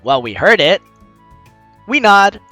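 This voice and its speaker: This let's player's mid-range voice is very animated, pushed and bright, yet the pace is slow. Over game music, he mixes jokey, teasing commentary with read-aloud narration of the game's story.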